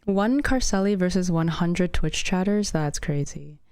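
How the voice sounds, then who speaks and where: A woman's voice: lowish voice, animated, unhurried, darkish tone, clean tone, no room sound. Lady host asking questions in a dry close mic, laughs easy. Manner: asks questions, laughs easily. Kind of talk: casual interview chat.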